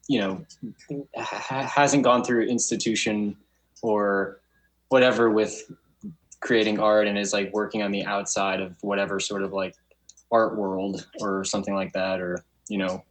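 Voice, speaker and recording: A fairly low male voice in a relaxed podcast conversation. He thinks out loud in long, looping sentences. He fills them with "like" and "you know". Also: a little slow, poor audio. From United States. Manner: rambling, heavy use of "like", thinking aloud. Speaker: record label co-founder, guest. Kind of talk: casual podcast interview.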